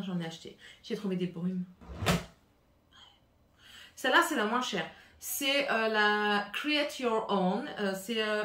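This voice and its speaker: Talking through her haul at home, this beauty vlogger with a French accent has a highish, slightly bright voice. She meanders, restarting sentences and leaning on fillers, in an echoey space with a little background noise.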